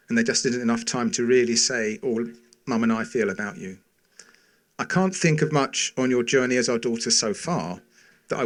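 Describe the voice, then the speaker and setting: Father of the bride at the wedding toast: middle-aged man, mid-pitched voice, affectionate and sincere, gentle humour, phrases set apart by pauses.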